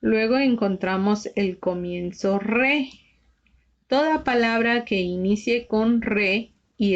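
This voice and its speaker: Woman, shorthand teacher, slow and patient, spells each letter out, slightly dull lo-fi sound. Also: fairly high pitch. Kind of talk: slow step-by-step lesson.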